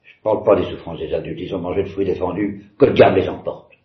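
A man's voice: low-pitched, steady tone, fast, natural voice. A man reading a novel aloud, voicing a bitter, tormented young man who swings from wry irony to anguished outbursts. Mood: grim, bitter. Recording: roomy, slightly dull.

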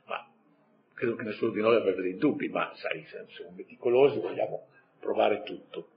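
A man's voice: on the low side, moderate pace, dull audio. A man giving a catechism lesson in a conversational way, adding rhetorical asides and chuckling now and then. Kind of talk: catechesis talk.

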